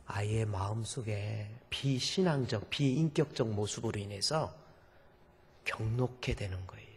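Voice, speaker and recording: A male pastor preaching a sermon, acting out quoted voices dramatically and swinging between shouts and hushed whispers. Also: fairly low pitch, measured pace, long reverb tail, slight background noise. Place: church sanctuary.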